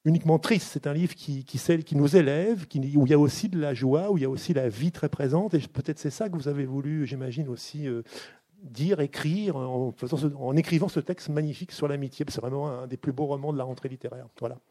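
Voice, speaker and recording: On a literary show, a male host with a slightly high, warm voice reads a passage from a book in a measured, deliberate manner. He then turns to question the author.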